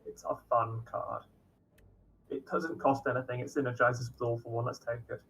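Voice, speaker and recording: A man chatting casually as a co-op partner in a gameplay stream, relaxed and quick to laugh. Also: mid-range voice, vocal fry, a little hiss or hum. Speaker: co-op game partner.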